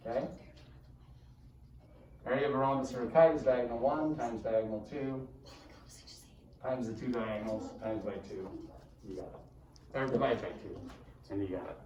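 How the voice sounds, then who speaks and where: A man's voice: medium pitch, moderate pace, long pauses, a little mellow, lo-fi sound, slight background noise. A male math teacher giving a casual classroom lecture and checking in with the class often. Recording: echoey room, mic far off.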